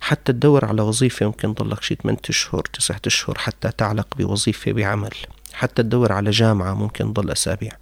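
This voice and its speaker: Fast-talking gravelly man hosting radio advice. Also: on the low side. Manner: calm advising, mixes formal and colloquial Arabic. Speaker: radio show host taking calls.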